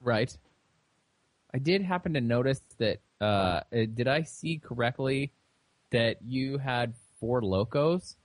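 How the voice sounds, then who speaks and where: A young man co-hosts a casual podcast conversation, speaking haltingly with many fillers and restarts. His pitch is medium, and there is no room sound.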